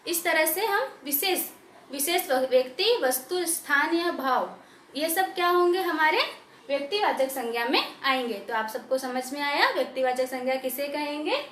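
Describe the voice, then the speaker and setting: A woman teaching young pupils a grammar lesson, dictating definitions slowly and asking questions she answers herself. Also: sits high, expressive, fairly bright tone, roomy sound, a little hiss or hum.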